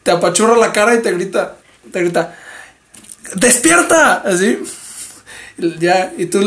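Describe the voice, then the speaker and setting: A young Mexican man hosts a livestream, speaking Spanish with a Mexican accent in a loose, gossipy chat. His voice sits high for a man, and he gets animated as he retells stories. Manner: animated, acts out others in high mimicking voices. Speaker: livestream host.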